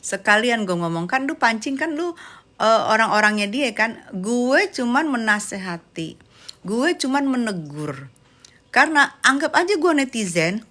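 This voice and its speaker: Sassy young woman w/ doing a live chat, teasing her viewers, bright voice. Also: a little high, big pitch swings, measured pace. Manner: sassy, teasing, mixes in slang. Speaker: livestream host chatting with viewers. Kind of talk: casual live chat, reading comments.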